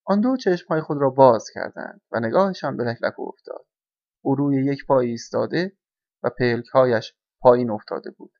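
A man reading a children's storybook aloud in a calm, measured way. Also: mid-range voice, gravelly, dry recording. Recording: dull, dry lo-fi recording.

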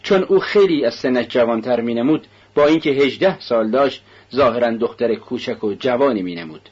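A man narrating a novel aloud in a slow, measured reading voice. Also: mid-range voice, animated, a little mellow, slightly rough, muffled recording. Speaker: audiobook narrator. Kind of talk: scripted narration.

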